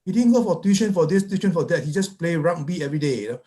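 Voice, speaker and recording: A man's voice: a little high, animated, mellow. Man asking rhetorical questions. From Malaysia. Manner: asks rhetorical questions in bursts, halting restarts. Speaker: psychiatrist panelist. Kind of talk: webinar panel discussion.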